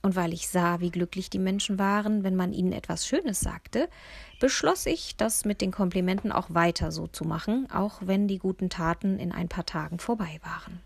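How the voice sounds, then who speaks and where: A woman narrating a children's storybook in the first person, with a lively, expressive reading. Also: lowish voice, normal speed, vocal fry, no room sound. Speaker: audiobook reader.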